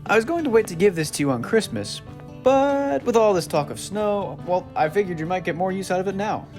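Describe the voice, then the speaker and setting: A woman voicing a kindly male repairman in an animated film, modest, folksy and easygoing. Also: medium pitch, a little fast, soft background music, close to an everyday voice. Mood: friendly. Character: kindly, easygoing male small-town repairman named Bob.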